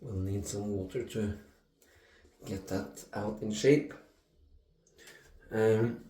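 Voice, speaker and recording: A man in his thirties talks through his shave at a slow, unhurried pace, with plenty of ums and restarts. His voice is mellow and relaxed. The sound bounces around an echoey bathroom. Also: fairly low pitch. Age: 30s. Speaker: shaving video host. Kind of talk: casual talk-through vlog. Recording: echoey room.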